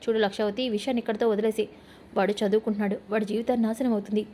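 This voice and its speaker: A woman's voice: mid-range voice, little pitch movement, racing, dark tone, slight background noise, close to an everyday voice. A woman voicing a blunt young husband who talks back with sarcasm and defiance. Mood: defiant.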